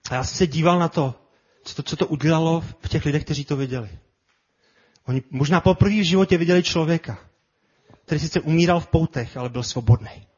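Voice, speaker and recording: A man preaching a sermon with passion, often repeating his words and building to loud cries. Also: a little high, slightly rough, dull audio. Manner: impassioned, repetitive, builds to shouts.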